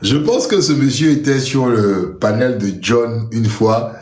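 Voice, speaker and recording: A man from Côte d'Ivoire with an Ivorian accent, hosting a live audio panel in a relaxed, chatty way. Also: mid-range voice, measured pace, echoey room. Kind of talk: casual live chat.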